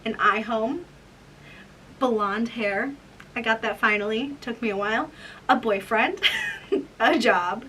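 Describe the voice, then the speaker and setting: A woman's voice: a little high, takes it slowly, long pauses, sharp tone. A woman in her twenties chatting casually in a vlog, embarrassed and self-mocking as she reads her old writing aloud. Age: 20s. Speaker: vlogger. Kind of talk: casual vlog chat, reading old diaries. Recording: distant mic with room noise.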